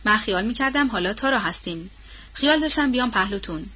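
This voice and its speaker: A woman voicing a burly, loyal male farmhand with a heavy, husky voice and rustic, colloquial speech in an audiobook. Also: a little high, animated, sharp tone, slight background noise. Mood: warm. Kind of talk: audiobook character reading. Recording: dull lo-fi audio.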